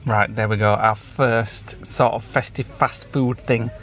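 A man chatting casually on his vlog in an even, mid-range voice. He sounds lively and easily excited, with a bit of a laugh in his talk. Clear music plays behind him the whole time. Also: mid-range voice, measured pace. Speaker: vlogger, half of a married couple.

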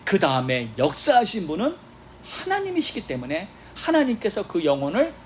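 A man preaching in a church, his somewhat high voice rising and falling widely as he tells stories. He acts out the people in them as he preaches. A faint hum of the sanctuary sits behind him. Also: normal speed. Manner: animated storytelling preacher with exclamations and quoted dialogue. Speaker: pastor. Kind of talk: sermon.

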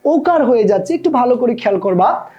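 A woman's voice: a little high, lively intonation, brisk, lo-fi sound. A woman with a Bangladeshi Bengali accent teaching a grammar lesson to students, repeating key terms and quizzing the listener with questions.

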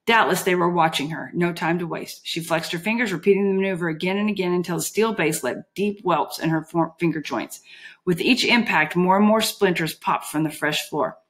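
A woman reading a fantasy novel aloud, steady and measured, her voice sitting a touch low. She moves through the story with even pacing and the odd slip. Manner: steady, measured, occasional slips. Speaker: audiobook narrator. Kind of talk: storybook narration.

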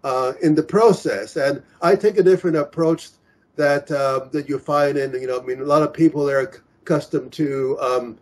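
A man's voice: on the high side, normal speed. A man in his forties organizing singles events, talking in a casual video call with many restarts and fillers. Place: small room indoors. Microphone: laptop webcam on video call.

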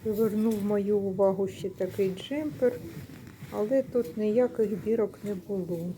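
A middle-aged woman talks slowly and patiently about secondhand clothes, vlog style. Her voice is mellow and relaxed. A faint hum sits behind her. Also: medium pitch. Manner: unhurried, explanatory, with fillers and self-corrections. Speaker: vlogger reviewing secondhand clothes. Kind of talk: casual vlog commentary. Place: secondhand shop, indoors.

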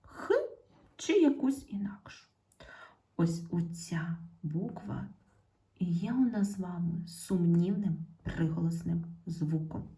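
A woman teaching an online lesson to young schoolchildren. She says example words slowly and clearly and talks straight to the children. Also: fairly low pitch, warm tone.

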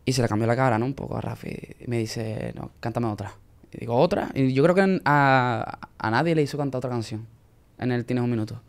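He is a young man with a Spanish accent from Spain, telling his story at an easy pace. His voice is smooth and resonant, and he sits at a middle pitch. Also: quick pace. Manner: storytelling, relaxed, uses Spanish slang. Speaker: singer guest. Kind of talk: casual interview.

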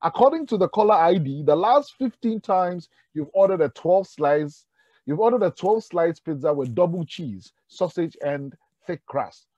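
Polite know-it-all ai machine, man doing it, calm and matter of fact, dry lo-fi sound. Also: on the high side, normal speed, dry recording, pitched above the performer's own voice.

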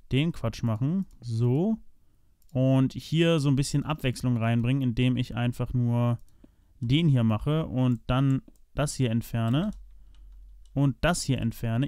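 With a warm, clear and resonant medium-pitched voice, a young man hosts a let's play, narrating his block-game building as he thinks out loud, full of fillers and frequent restarts. He treats viewers like friends, calling them "meine Freunde," and the sound is clean studio audio without echo.

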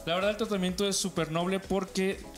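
A man's voice: high voice, steady tone, a little fast, soft background music. A man, a cosmetologist guest, explaining a skin treatment confidently and often saying he agrees. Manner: confident, explanatory, repeats "así es". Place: TV studio set.

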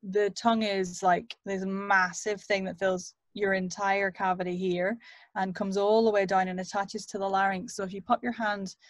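On a video call, a British voice coach leads vocal exercises, demonstrating them with energy into her home studio mic. Her pitch is medium, her speed normal, and there's no room sound.

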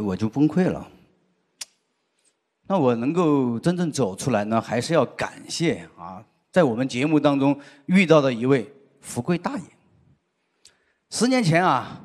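With a Sichuan accent and a slightly rough voice on the high side, a middle-aged comedian performs stand-up into a handheld mic in a large studio with an audience. He spins lively stories laced with frequent, drawn-out "啊" fillers while the crowd laughs.

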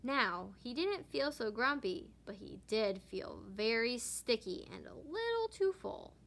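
A woman teacher reading a children's picture book aloud with expressive narration. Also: fairly high pitch, unhurried, gravelly. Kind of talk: storybook read-aloud.

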